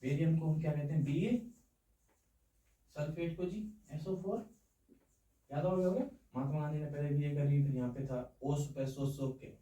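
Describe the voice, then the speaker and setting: A man's voice: a little high, steady tone, moderate pace, long pauses, warm tone. A man teaching a science lesson, explaining with homely, playful analogies and checking often that students follow. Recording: echoey room, voice from far off.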